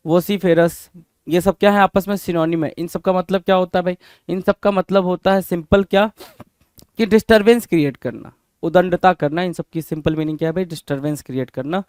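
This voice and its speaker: A man's voice: sits high, brisk, a little mellow, smooth, no echo. A man teaching an exam-prep vocabulary lesson, asking rhetorical questions and repeating each word.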